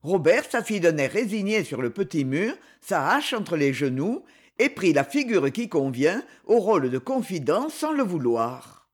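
A man reading a novel aloud in expressive, scripted narration. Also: high-pitched, measured pace. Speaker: audiobook reader.

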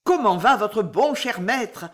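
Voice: medium pitch, expressive, slow, a bit bright. A reader voicing a sly male servant who gushes in an overly sentimental way in an audiobook. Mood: gushing. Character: sly, gushing male servant, falsely tearful. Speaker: character in an audiobook. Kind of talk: audiobook character reading.

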